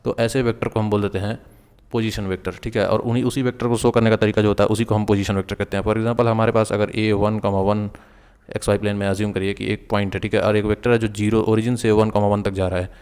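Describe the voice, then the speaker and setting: Low flat-voiced male teacher, reverby. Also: fast talker, clean tone. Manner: explains step by step, often checks in with the viewer; mixes English terms and sentences into Hindi. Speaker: physics teacher. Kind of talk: online lecture.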